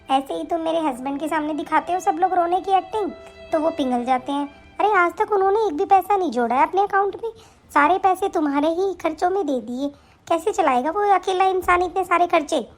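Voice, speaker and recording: A woman voicing a young wife who scolds and taunts her relatives over money, in an animated story. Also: very high-pitched, a little fast, soft background music. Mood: scolding. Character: young wife Sapna, harsh, stingy and scornful.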